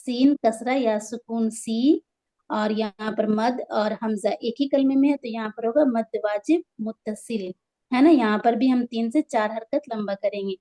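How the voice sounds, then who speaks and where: A woman gives a Quran recitation lesson in a mellow, warm voice that sits a little high. She spells letters and vowel marks one by one, chants verses slowly and draws them out, then explains each rule quickly.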